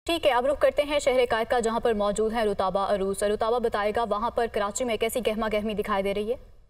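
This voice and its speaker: A woman's voice: a little high, fairly even intonation, brisk, far from the mic. Formal woman news anchor. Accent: Pakistani Urdu. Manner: formal, scripted. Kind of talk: studio news presenting.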